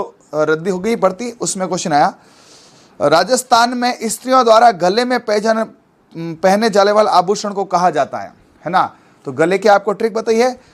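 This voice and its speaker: A man teaching exam students through memory tricks, talking in a chatty way and often checking in with his listeners. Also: sits high. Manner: chatty, repeats tag questions like "है ना".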